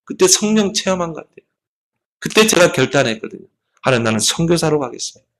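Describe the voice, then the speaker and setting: A man's voice: fairly high pitch, very animated, quick pace, fairly bright tone. A man preaching a sermon as a pastor, telling his story with passion, his voice rising and falling sharply.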